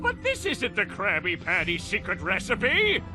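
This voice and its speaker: A man's voice: high voice, huge pitch swings, unhurried, exaggerated voice. A man voicing a tiny, megalomaniac plankton villain in a cartoon game, grandiose, indignant and blustering. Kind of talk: animated game cutscene acting. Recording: game music behind the voice.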